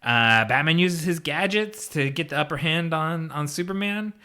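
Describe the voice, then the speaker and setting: A man's voice: on the high side, moderate pace, pushed and bright, clean tone. A man co-hosting a podcast, recapping a movie in casual chat with sarcastic asides and frequent laughter. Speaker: podcast co-host.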